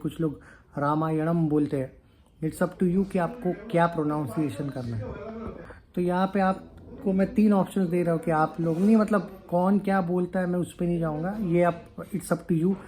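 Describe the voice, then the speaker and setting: A man talks casually about an upcoming film, his voice mellow and a touch higher than most men's. He rambles in a relaxed chat, hesitates with fillers and drops English phrases into his talk. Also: normal speed. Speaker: film news YouTuber.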